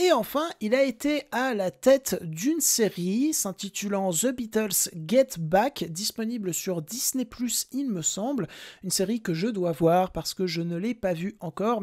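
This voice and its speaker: A woman's voice: mid-range voice, darkish tone. A young woman hosting a film podcast, talking casually with self-mocking jokes and asides. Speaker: podcast host.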